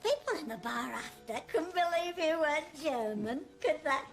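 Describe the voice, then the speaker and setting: Chirpy cheeky swinger wife, high voice. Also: female voice, expressive, normal speed, gravelly, faint music behind. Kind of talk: sitcom acting.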